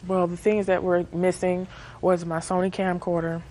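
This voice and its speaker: Low-pitched young woman testifying informally. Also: flat delivery, normal speed, mellow, low-quality recording. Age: 20s. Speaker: plaintiff in TV court. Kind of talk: courtroom testimony.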